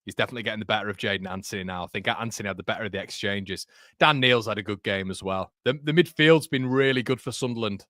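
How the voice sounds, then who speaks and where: A Yorkshire-accented man hosts a live football watchalong, calling the play and chatting with viewers between moves, reading the live chat and laughing at his own jokes. His fairly low voice is quick, pushed and bright. The studio sound is clean with no echo.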